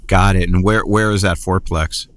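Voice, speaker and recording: A man's voice: deep voice, steady tone, moderate pace, fairly bright tone. A man hosting an interview podcast, rambling and folksy with many fillers. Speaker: podcast host.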